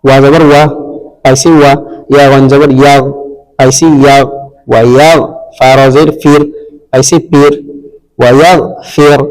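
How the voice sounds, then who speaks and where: A man teaching Quran reading, spelling out each letter and vowel, then blending and repeating syllables slowly. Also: medium pitch, little pitch movement, darkish tone. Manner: repeats syllables and tells listeners to pay attention. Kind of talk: slow spelled-out recitation lesson. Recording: long reverb.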